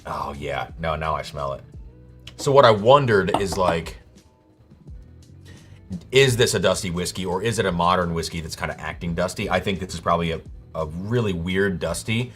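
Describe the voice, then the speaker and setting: A man's voice: low voice, animated, normal speed, faint music behind. A man hosting a live whiskey tasting stream, exclaiming, swearing freely and thinking aloud as he tastes.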